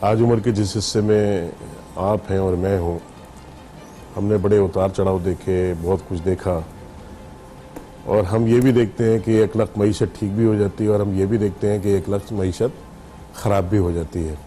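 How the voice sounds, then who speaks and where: A middle-aged man from Pakistan, a business leader guest on a TV talk show, arguing his case in a measured, explanatory way. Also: fairly low pitch, fairly even intonation, mellow, soft background music. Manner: measured, explanatory, argues patiently.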